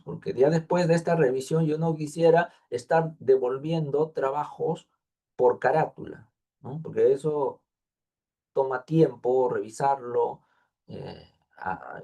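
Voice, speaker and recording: This man's voice sits at medium pitch, warm, with vocal fry. As a thesis advisor giving online instruction, he guides students through formatting step by step, going over points again and musing aloud as he goes.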